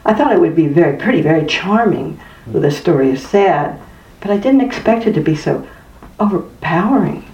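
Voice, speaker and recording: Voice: medium pitch, animated, normal speed, a little mellow, close to an everyday voice. A narrator voicing an earnest, emotional male creature with hooves and a tail, exclaiming as he speaks. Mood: hushed. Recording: distant, roomy, dull-sounding recording.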